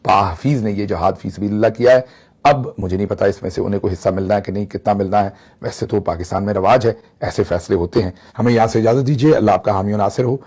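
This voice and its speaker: A man from Pakistan delivers political commentary in a teasing, mocking tone, now and then dropping into Punjabi phrases. His voice sits low and sounds dark and mellow. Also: fast talker, breathy edge.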